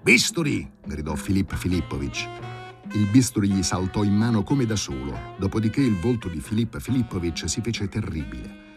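A man with a very low voice reads a novel aloud, measured and vivid. His narration is steady and dramatic. Faint music sits quietly underneath. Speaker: audiobook reader. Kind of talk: dramatic literary reading.

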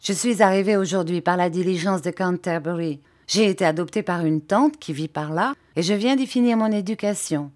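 A woman reading the lines of an eager, emotional young man in an audiobook, in an excited, gushing way. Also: fairly low pitch, brisk, hardly any pauses, lightly acted.

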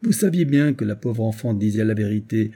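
A man's voice: fairly low pitch, expressive, brisk, mellow. A man reading aloud, voicing an impatient young army captain who speaks with vehement urgency. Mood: accusing.

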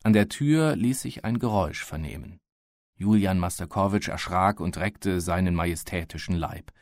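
A man narrates a literary tale in a studio. His voice is low and measured, and the dry recording has no room echo. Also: a little mellow.

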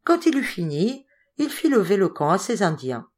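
A woman narrating an audiobook in a measured, expressive way. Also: medium pitch, husky. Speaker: audiobook reader.

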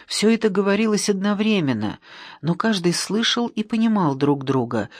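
A steady, measured audiobook narrator at a middling pitch. The recording is close and dry, with no room sound. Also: no echo.

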